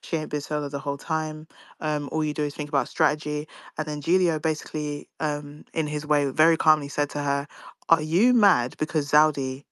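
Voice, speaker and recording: A young woman, casually recapping a reality show, animated and swearing as she quotes the cast. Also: low-pitched, brisk, smooth, no room sound, studio quality. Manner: animated, swearing, quoting others in mimicked voices.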